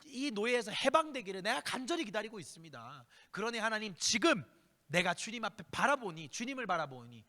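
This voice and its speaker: A man's voice: sits high, big pitch swings, brisk, sharp tone. A man preaching a youth sermon and leading prayer, impassioned and emphatic, repeating key phrases. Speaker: youth group pastor. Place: church worship hall. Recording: long church-hall reverb.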